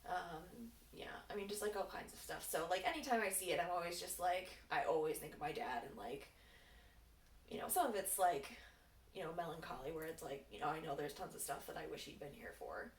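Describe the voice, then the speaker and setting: A woman talking casually and personally in a halting, informal way, peppering her speech with "like". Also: sits low, expressive. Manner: informal, halting, filler-heavy with frequent "like". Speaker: co-host of a casual Q&A video. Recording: roomy echo, distant mic, faint noise.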